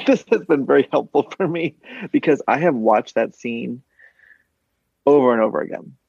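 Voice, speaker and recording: A man's voice: medium pitch, animated, moderate pace, vocal fry, darkish tone, slightly rough, dry recording, lo-fi sound. A man co-hosting a podcast, rambling casually with bewildered, jokey asides. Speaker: podcast co-host. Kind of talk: casual recap chat.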